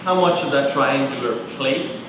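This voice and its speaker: A man guiding a body scan as a movement coach, asking calm step-by-step questions about each body part. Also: medium pitch, normal speed, lo-fi sound, background noise. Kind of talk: guided body scan instruction. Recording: echoey roomy sound from far off.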